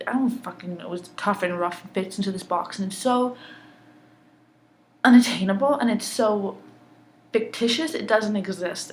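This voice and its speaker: A woman's voice: medium pitch, slight background noise, rough recording. Angry, upset young woman ranting. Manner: angry, intense, heavy swearing. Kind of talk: emotional personal vlog rant.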